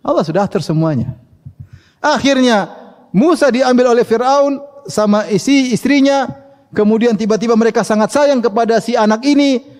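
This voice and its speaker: A man preaching an Islamic sermon, telling a story with lively swings in his voice and laughing along. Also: extremely high pitch, in a large hall.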